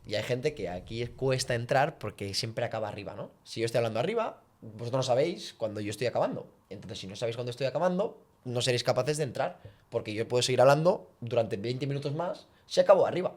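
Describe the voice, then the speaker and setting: Man, communication coach, podcast chat, lively quoted voices. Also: fast talker. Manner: animated, acts out quoted speech with big pitch jumps. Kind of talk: podcast conversation, teaching.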